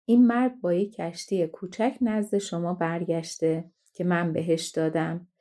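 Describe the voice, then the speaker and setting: A woman reading the part of a bold young sea captain in a fairy tale, forceful and indignant. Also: lowish voice, steady tone, close to an everyday voice.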